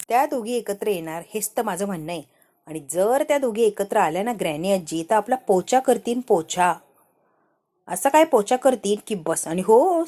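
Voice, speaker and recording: A woman's voice: medium pitch, warm tone, lightly acted. A woman voicing a spoiled young woman who taunts and scolds her grandmother with heated mockery. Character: spoiled, sharp-tongued young woman, scornful.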